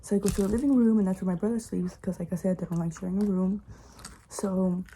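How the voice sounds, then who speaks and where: Female vlogger, casual chatty storyteller, mid-pitched and very warm, dark timbre. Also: a little hiss or hum. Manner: chatty, giggly, drops in Spanish words.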